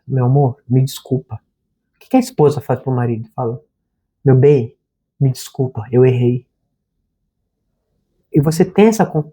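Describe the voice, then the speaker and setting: A man's voice: on the high side, dark tone. A man, a therapist and channel host, giving an informal spiritual talk to camera in a slangy, conversational way. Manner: informal and conversational, slangy, says "cara" often.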